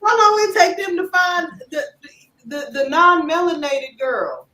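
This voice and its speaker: High, emphatic woman in a roomy echo. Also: a little slow. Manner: animated and emphatic, drops low when doubtful. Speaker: channel host. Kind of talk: casual gossip commentary.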